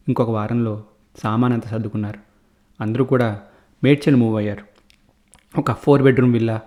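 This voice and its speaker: A man narrates a horror story in a warm, low-toned voice. He slips into each character's lines, rising in pitch and volume whenever someone is frightened or excited.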